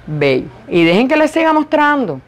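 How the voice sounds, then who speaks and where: A woman with a loud, high voice, chatting playfully and joking about herself while she models clothes in a boutique for a vlog. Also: sing-song, moderate pace. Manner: playful, joking, self-mocking.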